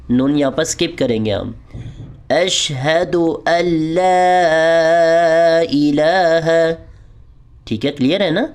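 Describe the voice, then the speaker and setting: Speaking in a slightly high voice, a man leads an online prayer-recitation lesson. He explains each point patiently, then gives extended, drawn-out lines as models for his students to repeat.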